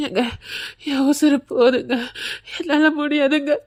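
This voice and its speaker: A woman's voice: high voice, fairly even intonation, measured pace. A woman with a Tirunelveli Tamil accent playing a middle-aged woman who cries and wails melodramatically in a comic skit. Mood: wailing. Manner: melodramatic wailing lament. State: crying. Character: middle-aged woman wailing over her departing friend.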